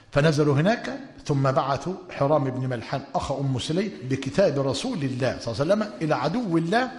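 A man teaching a religious history lesson, dictating points to students and breaking into emphatic exclamations. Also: a little high. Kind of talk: lecturing on prophetic history. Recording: long hall reverb.

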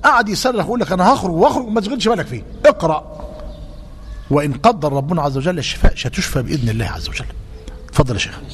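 A man's voice: a little high, lively intonation, racing, fairly bright tone. A man with an Egyptian Arabic accent teaching a religious lesson and answering questions, emphatic and repeating key points. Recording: reverberant hall, faint noise.

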